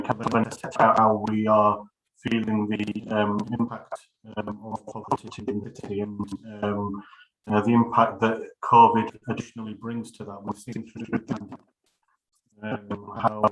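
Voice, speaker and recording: A man speaking in a remote council meeting over a video call, his voice bubbly and garbled as if underwater, and his delivery halting with many pauses. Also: fairly low pitch, background noise. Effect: bubbly underwater-sounding garbled connection. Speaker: council officer.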